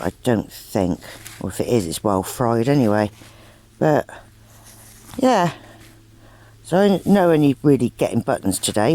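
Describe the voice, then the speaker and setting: A man's voice: fairly high pitch, mellow. An English man chatting casually and self-deprecatingly as he narrates a metal detecting vlog outdoors. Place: open field, outdoors. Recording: noisy outdoor field recording.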